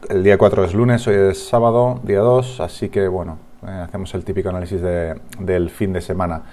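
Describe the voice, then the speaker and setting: Spanish guy from spain going over trading charts, lowish mellow voice, kinda thinks out loud and restarts a lot. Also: steady tone, fairly quick. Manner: thinking aloud, frequent restarts and tag questions. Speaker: trading analyst. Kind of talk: market analysis commentary over charts.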